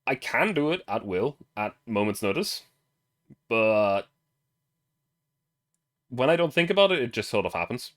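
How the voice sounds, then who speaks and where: A man's voice: medium pitch, very animated, unhurried, long pauses, a bit bright. A German man with a German accent, streaming as he reads a game's story aloud and chats about it. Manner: chatty, self-interrupting, laughs. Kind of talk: reading game story aloud with commentary.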